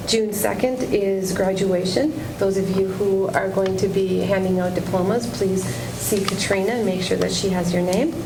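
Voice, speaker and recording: School administrator, woman, mid-pitched, reading meeting announcements over steady background noise. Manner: reads announcements, lists names and dates. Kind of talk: board meeting report. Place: school board meeting room. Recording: noisy community TV recording.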